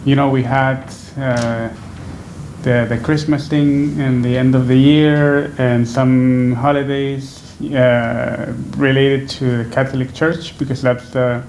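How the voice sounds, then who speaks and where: A man's voice: mid-range voice, little pitch movement, slow, a little mellow, a little hiss or hum. A man in his twenties from Venezuela, answering interview questions in a thoughtful, hesitant way with many fillers and restarts, seated indoors at a stand microphone. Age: 20s. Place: small indoor room, seated on a sofa. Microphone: stand microphone in front.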